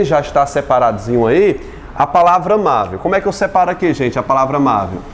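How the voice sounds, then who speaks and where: Male Brazilian teacher, pitched a bit high, drawn-out syllables, question-and-answer video lesson, light background ambience. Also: darkish tone, slight background noise. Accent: Brazilian Portuguese. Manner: asks the class questions and answers them himself; stretches out syllables while spelling words. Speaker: Portuguese teacher.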